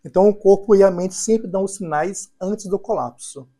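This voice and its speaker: A young man appears as a psychologist guest in a podcast interview, speaking affirmingly and telling stories while often saying "né" and "perfeito." His voice sits high and mellow, at a moderate pace.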